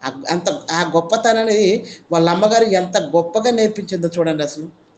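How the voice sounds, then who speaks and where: A woman's voice: on the low side, normal speed, a little mellow, slight background noise. A woman preaching a sermon, asking emphatic rhetorical questions and repeating her points.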